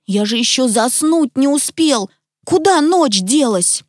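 A woman voicing a sleepy, whiny young schoolboy who pleads and stammers in a high voice. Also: lively intonation, measured pace, no echo, clean studio sound. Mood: pleading.

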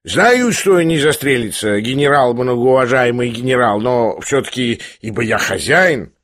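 A man's voice: medium pitch, animated, moderate pace, a bit bright, lightly acted. A man voicing a tipsy, insolent middle-aged householder who is pushy and self-important, in an audiobook.

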